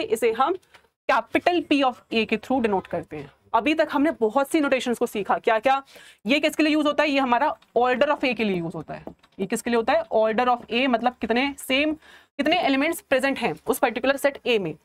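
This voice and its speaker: A woman teaches a math lesson, her voice sitting somewhat high. She keeps posing questions and answering them herself, and slips English terms into her Hindi. The sound is dry and close, with no room around it. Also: dry recording. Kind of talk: classroom lecture.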